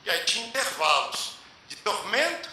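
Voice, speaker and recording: A man giving a spiritual lecture to a public meeting, telling a story with measured, emphatic pauses. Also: high voice, very animated, bright, forceful tone. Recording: echoey hall with faint hiss.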